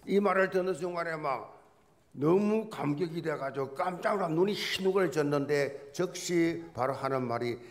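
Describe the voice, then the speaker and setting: A man's voice: on the high side, moderate pace. A man preaching a sermon as pastor, telling jokes and folksy stories and repeating key words for emphasis. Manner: folksy, joking storyteller.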